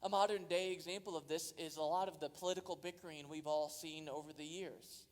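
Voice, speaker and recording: A man's voice: a little high, steady tone, fairly quick. A man preaching a sermon as a pastor, earnest, and his voice rises for emphasis. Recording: long hall reverb.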